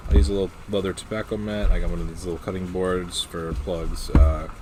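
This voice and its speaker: A man with a low voice talks through a casual review. His delivery is unscripted and matter-of-fact, often halting as he looks for the next word. There is clear noise behind his voice throughout. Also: level tone. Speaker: pipe tobacco reviewer.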